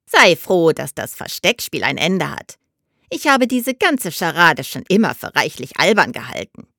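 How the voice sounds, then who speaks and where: A woman voicing a brisk, stern older mother on the phone, talking in a curt, commanding manner. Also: low-pitched, sing-song, creaky, pushed and bright, no echo, studio quality, exaggerated voice.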